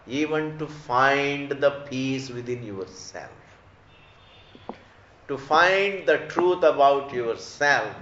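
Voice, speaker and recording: Indian-accented male spiritual teacher, very unhurried and didactic, repeats for emphasis; reverberant room. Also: a little high, sharp tone, slight background noise. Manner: emphatic repetition, rhetorical questions, didactic. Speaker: spiritual teacher giving scripture discourse. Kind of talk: religious discourse. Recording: echoey room, slightly dull sound.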